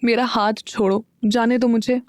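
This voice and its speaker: A woman's voice: on the high side, level tone, moderate pace, darkish tone, no room sound, clean studio sound, natural voice. A woman voicing a shy, playful young wife who teases and gets flustered easily. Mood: coy. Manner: teasing, flustered.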